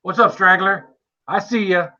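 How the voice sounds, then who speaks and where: A man's voice: sits high, steady tone, moderate pace, bright, forceful tone. A man hosting a casual livestream chat in a chummy, self-deprecating way. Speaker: livestream host. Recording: dull lo-fi stream audio.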